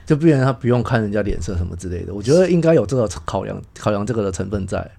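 A man's voice: lowish voice, expressive, racing, vocal fry, warm tone. A young man, co-hosting a casual chat, teasing, joking and stammering over repeated words. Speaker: podcast co-host.

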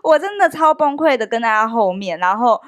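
Girl podcasting, super lively storyteller, bit high voice, dry close mic. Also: a little fast, smooth, no room sound. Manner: animated storyteller, laughs often, acts out quotes. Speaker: podcast co-host. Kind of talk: casual chat.

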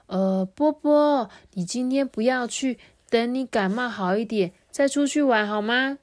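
A woman voicing a gentle mother dinosaur who coaxes and warns her child. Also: unhurried, natural voice. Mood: coaxing. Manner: soft coaxing, then high warning.

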